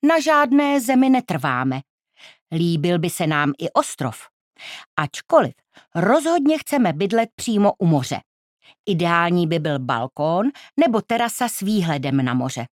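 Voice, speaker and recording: A woman's voice: fairly low pitch, sing-song, no echo, studio quality. A woman voicing a decisive middle-aged aunt who speaks firmly and emphatically in a storybook reading. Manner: firm, emphatic.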